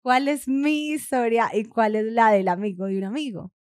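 A woman's voice: on the high side, animated, moderate pace, darkish tone, dry recording, clean studio sound. A woman, co-hosting a podcast in casual chat, telling stories with animation and frequent laughter. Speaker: podcast co-host.

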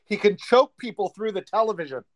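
High-voiced enthusiastic man. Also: fairly quick. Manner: animated and enthusiastic, thanks listeners. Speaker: podcast co-host. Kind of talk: casual live chat.

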